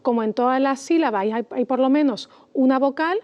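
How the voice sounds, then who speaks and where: A woman explains grammar rules on an educational TV program. She speaks patiently and deliberately, and stretches stressed syllables to demonstrate them. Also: sits high, highs cut off. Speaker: language expert guest.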